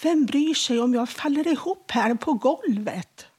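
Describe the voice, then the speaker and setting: A woman in her forties slowly reading a personal first-person text on the radio, often dropping to a hushed whisper. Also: high voice, lively intonation, breathy edge. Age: 40s. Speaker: radio contributor.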